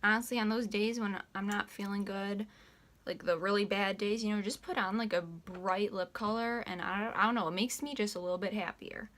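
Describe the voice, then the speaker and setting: A woman's voice: medium pitch, fairly even intonation, normal speed, fairly bright tone. A young woman in her late teens talks through her makeup routine at home in a loose, rambling way, leaning on filler words. She is short of breath as she speaks. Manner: chatty, rambling, many "like" fillers. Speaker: beauty vlogger. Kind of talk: casual makeup tutorial chat.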